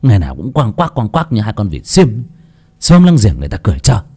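A man voicing a gruff older village father grumbling at his quarreling family. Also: huge pitch swings, fast talker, mellow, exaggerated voice. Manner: low grumbling complaint.

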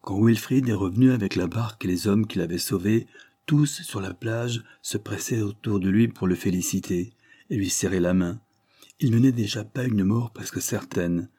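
A man narrating a classic novel in a steady, measured audiobook reading. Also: on the low side, slightly rough.

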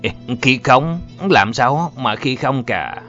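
A man's voice: mid-range voice, lively intonation, slow, pushed and bright, voice pushed up. A man doing a swaggering, boastful big-brother type. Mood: playful. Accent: Southern Vietnamese. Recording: muffled with faint music.

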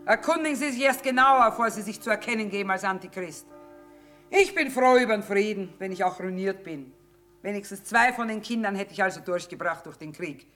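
A woman's voice: medium pitch, fairly quick, fairly bright tone, soft background music, close to an everyday voice. An actress playing a middle-aged, shrewd, blunt mother who trades in wartime, in earthy speech for a radio drama. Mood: excited. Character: hard-bitten, shrewd, sharp-tongued mother trading in wartime. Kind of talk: German stage-style radio drama acting.

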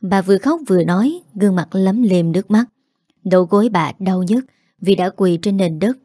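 A woman narrates a story in a calm, steady manner. Her voice is warm and mellow, recorded dry and close with no room sound. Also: medium pitch, moderate pace, dry recording.

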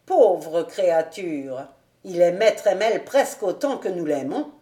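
A woman's voice: on the low side, animated, measured pace, warm tone. A woman reading as a sorrowful old noblewoman. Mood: confiding. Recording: roomy echo.

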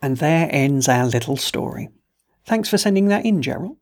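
A man hosting a podcast, reading a short story and closing notes in a steady scripted narration. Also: fairly high pitch, moderate pace, a little hiss or hum. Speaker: podcast host.

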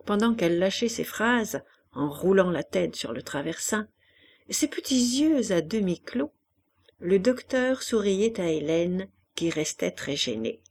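A woman reading a classic novel aloud as an audiobook narrator, in a measured, clear reading. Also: medium pitch, animated, a little mellow. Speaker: audiobook reader.

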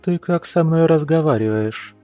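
A man reading an audiobook, voicing a cold, domineering young noblewoman who speaks quietly and with menace. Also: on the high side, lively intonation, normal speed, no room sound, soft background music, voice pushed up, lightly acted. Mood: icy, menacing. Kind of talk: audiobook character voice.

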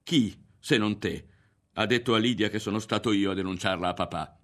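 A man reading an audiobook, voicing an angry, suspicious teenage boy who shouts accusations. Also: lowish voice, fairly quick, lightly acted. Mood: furious.

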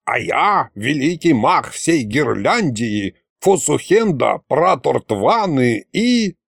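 A man puts on a creaky, gloating storybook ghost, a furry ball of a creature full of boastful menace. He drags out his threats slowly, with a lively, swooping pitch, recorded close and dry. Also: no echo, exaggerated voice. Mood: menacing.

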